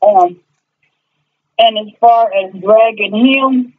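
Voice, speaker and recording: Heard through a tinny phone line on speaker, a female caller speaks slowly in a fairly high-pitched voice. In this casual chat she's plainspoken, stating her view and going through her points one at a time.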